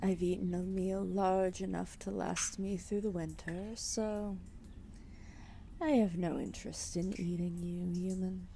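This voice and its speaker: In an ASMR roleplay audio drama, a woman plays a giant serpent deity who speaks slowly and languidly with drowsy, regal amusement and curiosity. Her dark, mellow voice has a creaky edge, fairly low pitch and fairly even intonation. The formal, condescending, drawn-out delivery plays over faint background noise.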